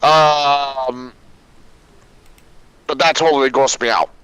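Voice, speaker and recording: A man's voice: medium pitch, steady tone, takes it slowly, fairly bright tone, smooth, no echo, poor audio. A man guesting on a gaming stream, telling stories in casual chat, rambling with many fillers and frequent laughs.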